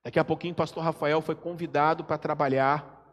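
A Brazilian man from Espírito Santo preaching a sermon as pastor, his voice climbing to shouts and dropping to quiet asides. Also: on the high side, fairly even intonation, fairly quick. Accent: Brazilian Portuguese, Espírito Santo. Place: church hall. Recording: long church hall reverb.

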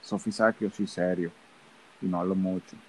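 A man's voice: deep voice, fairly even intonation, normal speed, slight background noise, rough recording. A man with a Venezuelan accent co-hosting a podcast, talking in a playful, rambling, chatty way. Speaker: podcast co-host. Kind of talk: casual chat.

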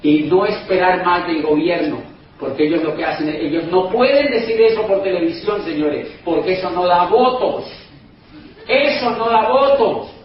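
A man with a high voice delivers a persuasive, insistent speech, hammering points home and turning to the audience again and again. He sounds far from the microphone in a very echoey hall. The sound is dull and carries a faint background hiss. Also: animated, normal speed. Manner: emphatic, repetitive, keeps addressing the crowd as "señores". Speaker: motivational business speaker. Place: event hall in Madrid.

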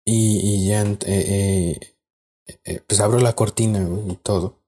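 A man's voice: lowish voice, fairly even intonation, unhurried, mellow, breathy edge. A man with a Mexican accent, telling a spooky personal story in casual, rambling podcast chat with lots of fillers. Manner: rambling with many fillers and restarts. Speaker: podcast co-host.

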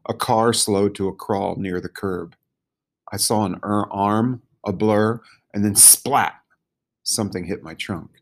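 A man narrating a children's storybook in a gentle, measured way. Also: lowish voice, fairly even intonation. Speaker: audiobook narrator.

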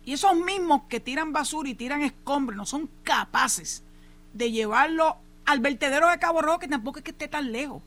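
A woman from Puerto Rico hosts a show, offering emphatic opinions on local news and tossing in English asides. Her voice is high-pitched and a bit bright, brisk, with lively intonation.

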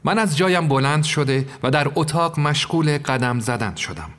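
A man narrating a first-person story in a measured, reflective manner. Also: fairly high pitch, lively intonation, a bit bright. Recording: long reverb.

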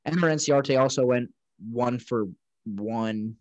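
A man's voice: medium pitch, unhurried, a little mellow, no room sound, muffled recording. Rambling man recapping a ballgame. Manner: rambling, recaps plays with frequent fillers. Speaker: podcast co-host. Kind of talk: casual sports chat.

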